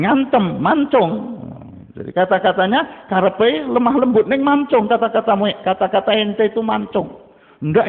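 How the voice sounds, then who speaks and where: A man preaching a dawn sermon, jumping between high emphatic bursts and low asides. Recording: tinny phone-like sound with long hall reverb.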